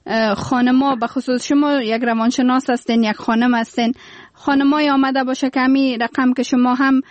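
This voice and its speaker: A woman's voice: sits high, fairly even intonation, dry recording. A woman radio interviewer with an Afghan Dari accent, asking questions with some hesitation and fillers.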